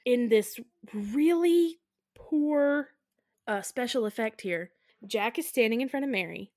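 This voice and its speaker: A woman's voice: fairly high pitch, a little slow, dry recording, clean studio sound. Giggly woman around thirty recapping a film. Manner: animated, giggly storyteller who acts out quotes. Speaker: podcast co-host. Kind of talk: casual chat.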